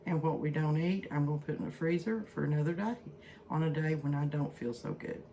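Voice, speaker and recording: An older woman from Eastern Kentucky, a home cooking vlogger, chats with viewers in her kitchen, speaking haltingly in plain, folksy words with a deep, mellow voice and local accent. She feels weak and unwell. It was recorded on an iPhone's built-in mic, with faint background noise.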